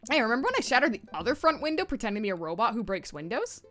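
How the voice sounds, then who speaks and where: Woman voicing a bright, cheeky teenage daughter. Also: fairly high pitch, sing-song, racing, soft background music. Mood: playful. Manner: teasing, exuberant, punchy. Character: cheeky, playful teenage daughter, high-school senior. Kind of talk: reading a video game aloud.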